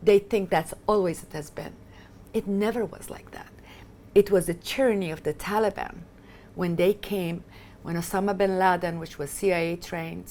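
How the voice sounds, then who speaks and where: In this interview, the guest is an Afghan film director and activist in her fifties whose native language is Italian. She talks with passion and emphasis in a lowish, slightly mellow voice. A little hiss or hum can be heard.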